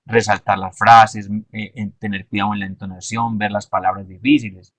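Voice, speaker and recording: Measured man teaching, dry sound. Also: on the low side, level tone, fairly bright tone, no room sound. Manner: measured and explanatory, stressing key points. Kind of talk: instructional talk.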